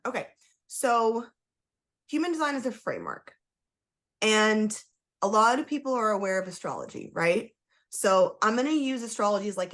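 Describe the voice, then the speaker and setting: A woman's voice: medium pitch, fairly bright tone. A woman, a guest coach telling her story on a podcast in a candid, emphatic way. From Toronto, Canada; born in Trinidad and Tobago. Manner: candid, emphatic, with frequent "like" fillers. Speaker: guest, human design coach.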